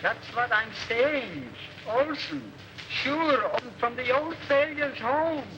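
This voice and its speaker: A gruff, insistent man phoning in an old Hollywood film. His voice is pitched very high. The sound is muffled, with clear noise around it. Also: expressive, slow, full character voice. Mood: irritated.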